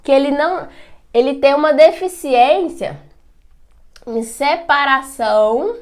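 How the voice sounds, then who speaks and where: Brazilian woman teacher, animated, high voice, asks and answers her own questions, whiteboard lesson. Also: slow pace. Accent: Brazilian Portuguese. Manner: asks students questions and answers them herself. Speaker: writing teacher.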